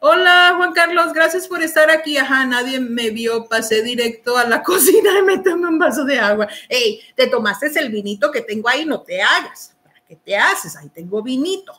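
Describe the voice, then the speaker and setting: A woman's voice: fairly high pitch, expressive, normal speed, a bit bright. A young woman hosting a live stream, reading out and greeting viewers' comments while she keeps breaking into laughter. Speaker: livestream host.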